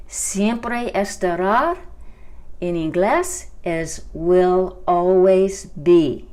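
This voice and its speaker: A woman teaching English to Spanish speakers. She explains slowly and repeats each English example with care. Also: fairly low pitch, darkish tone. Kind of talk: Spanish-language English lesson. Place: home during quarantine.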